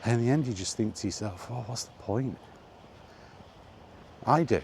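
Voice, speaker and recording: A man rambles in a weary, grumbling way for a freewheeling solo vlog, walking as he talks with ambient noise behind him. His mid-range voice is a little mellow, his pace moderate, and there's slight background noise.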